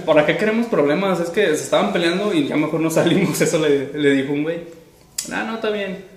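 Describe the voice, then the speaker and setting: A man's voice: fairly high pitch, quick pace, echoey room. Slangy Mexican guy telling stories. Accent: Mexican Spanish. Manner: slangy storytelling, laughs often, acts out quotes. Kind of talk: casual podcast chat.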